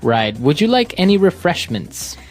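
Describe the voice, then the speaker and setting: A man from Ecuador co-hosting an English lesson podcast, explaining vocabulary calmly and steadily. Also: fairly high pitch, moderate pace, faint music behind. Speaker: co-host.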